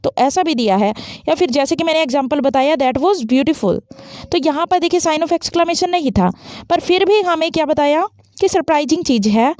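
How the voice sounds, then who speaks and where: A woman teaching an English grammar lesson at a fast pace, explaining step by step and asking and answering her own questions. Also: high voice, darkish tone, no room sound, clean studio sound.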